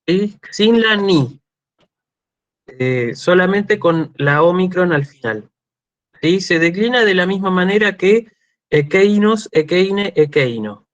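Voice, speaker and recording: A man giving an online university lecture, slow and deliberate, checking in often with his students. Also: high-pitched, fairly bright tone, highs cut off. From Argentina. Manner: slow, checks in with frequent "¿sí?" and "este" fillers. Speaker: university lecturer in Greek language and culture.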